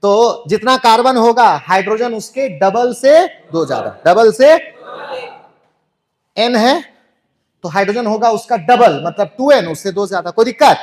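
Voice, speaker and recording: A man's voice: high voice, expressive, unhurried. A man teaching chemistry in an online class, playful and joking, firing rhetorical questions at students.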